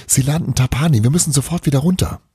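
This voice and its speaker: A man reading a storybook aloud, voicing a young boy who pleads and shouts for his father. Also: medium pitch, fast, breathy edge, no room sound, studio quality, voice pushed up. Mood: urgent, shouting.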